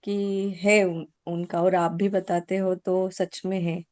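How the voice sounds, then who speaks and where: A woman in a workshop group tells of her experience, pausing often and filling the gaps. Her voice is mellow and dark-toned, and she speaks slowly. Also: on the low side, little pitch movement. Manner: hesitant, many fillers. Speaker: workshop participant. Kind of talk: sharing an experience.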